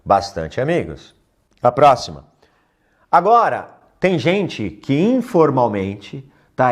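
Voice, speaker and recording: Lively low-voiced man teaching a lesson. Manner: animated explaining, drawn-out example phrases. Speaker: English teacher. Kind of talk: recorded grammar lesson.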